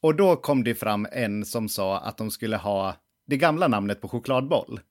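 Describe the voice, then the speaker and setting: A man's voice: lowish voice, animated, a little mellow. A man co-hosting a podcast in casual chat, outspoken and often laughing as he tells stories. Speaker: podcast co-host.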